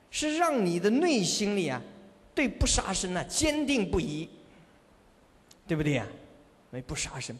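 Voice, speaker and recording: A man giving a Buddhist sermon as a monk, telling lively stories with rhetorical questions and self-confession. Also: sits high. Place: monastery hall. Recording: long hall reverb.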